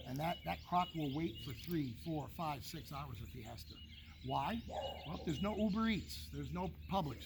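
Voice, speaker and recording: A man's voice: high voice, background noise. A man training dogs, explaining behavior to an owner in a folksy way, using homely analogies and checking in with "okay?". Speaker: dog trainer. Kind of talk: casual instruction to a dog owner.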